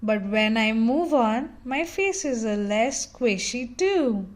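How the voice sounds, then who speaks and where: Slowly and in a voice on the high side, a woman reads aloud from a children's picture book, telling the story gently and expressively.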